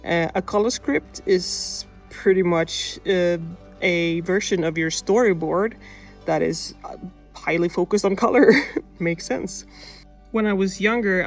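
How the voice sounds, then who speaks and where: Over background music, a woman who studies animation gives a casual devlog voice-over, poking fun at herself in a voice on the low side. She recorded it indoors beneath a blanket with an old camera serving as her microphone, then processed the sound while editing.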